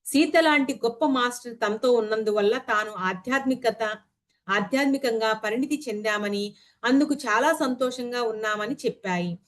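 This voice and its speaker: Earnest woman teacher, higher voice. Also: moderate pace, a bit bright. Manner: asks the listeners rhetorical questions; earnest and emphatic, with sudden rises in pitch. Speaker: spiritual teacher. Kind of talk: explaining a spiritual book to listeners.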